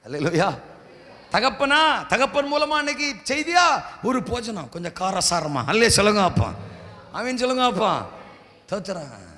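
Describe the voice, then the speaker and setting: A man preaching a sermon with emphatic repetition. He shouts rhetorical questions and calls for amens. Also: sits high, big pitch swings, moderate pace, big-room sound.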